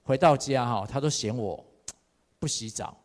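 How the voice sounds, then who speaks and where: A man preaching a sermon. He reads scripture and gives his own testimony, swinging from soft to loud and slipping into Hokkien phrases. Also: medium pitch, moderate pace. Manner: mixes Taiwanese Hokkien phrases into Mandarin. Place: church hall. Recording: long hall reverb.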